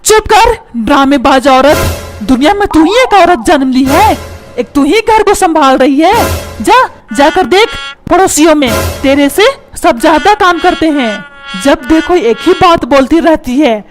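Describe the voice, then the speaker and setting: A woman voicing a short-tempered middle-aged father in a comic cartoon, scolding and shouting threats in a squeaky, very high voice. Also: animated, measured pace. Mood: furious. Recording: music playing loudly underneath.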